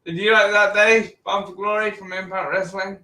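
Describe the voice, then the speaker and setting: A man hosting a casual wrestling chat, relaxed and chatty, laughing often. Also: sits high, moderate pace. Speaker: podcast host. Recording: roomy echo, distant mic.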